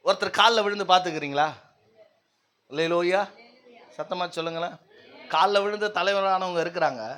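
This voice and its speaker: A man preaching as pastor at a church service who keeps calling for amens and hallelujahs, swinging between loud declarations and low, quiet asides. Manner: calls often for amens and hallelujahs from the congregation; acts out stubborn people's words in the first person. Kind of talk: sermon.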